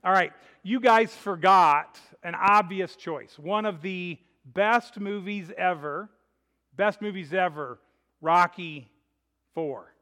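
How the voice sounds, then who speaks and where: A man's voice: high voice, slow pace, sharp tone. A man preaching a sermon as pastor, chatty and joking at times, earnest when preaching. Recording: reverberant hall.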